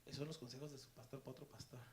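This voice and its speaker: A man preaching a sermon as pastor, telling stories and moving from hushed asides to loud, excited preaching in a church. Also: mid-range voice, very fast. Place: church sanctuary.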